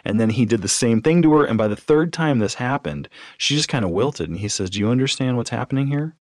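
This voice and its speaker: Speaking fast in a mid-range voice, a male podcast host teaches through anecdotes in a chatty style. The studio sound is clean, with no echo, as he animatedly acts out dialogue and asks rhetorical questions.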